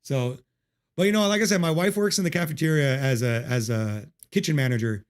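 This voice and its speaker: Speaking briskly in a clean, medium-pitched tone, this streamer greets his chat and banters casually as he plays a game. His talk is full of jokes and profanity, picked up by a noise-removing desk mic.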